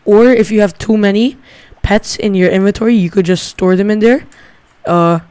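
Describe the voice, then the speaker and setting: A man's voice: sits high, normal speed, darkish tone, smooth, no echo. A male gaming channel host giving a casual game tutorial, thinking aloud and rambling with lots of filler words.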